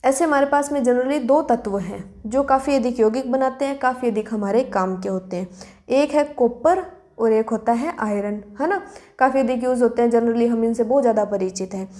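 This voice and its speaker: Female teacher, warm and a little high-pitched, walking students through formulas step by step. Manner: asks questions and answers them herself, slows to spell out formulas. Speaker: chemistry teacher. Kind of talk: classroom lesson explanation.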